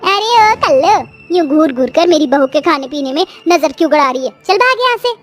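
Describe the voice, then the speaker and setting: A woman's voice: high voice, expressive, normal speed, soft background music. A woman voicing a harsh, taunting middle-aged mother-in-law in a cartoon story. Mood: scolding. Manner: taunting, scolding.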